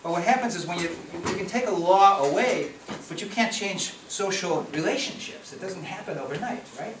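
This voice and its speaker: A man's voice: sits high, lively intonation, normal speed. A middle-aged man from the Chicago area giving a conversational presentation with slides, often restarting and repeating words. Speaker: policy researcher giving a talk. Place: meeting room at a conference. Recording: echoey room from far off, noisy.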